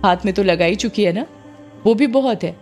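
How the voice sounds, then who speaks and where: A woman's voice: medium pitch, moderate pace, a little mellow, faint music behind, natural voice. A woman voicing a scheming middle-aged mother who talks in a sweetly evasive, coaxing way, as in a storybook reading. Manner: coaxing, falsely affectionate.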